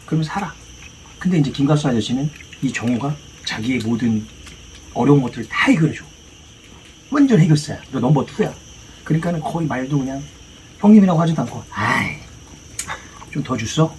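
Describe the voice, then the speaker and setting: Animated man telling a story, noisy outdoors. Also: medium pitch, fast. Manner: animated storyteller, acts out dialogue in rough slang. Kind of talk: casual chat retelling a film story to friends. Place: outdoor fishing spot. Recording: clear outdoor ambient noise.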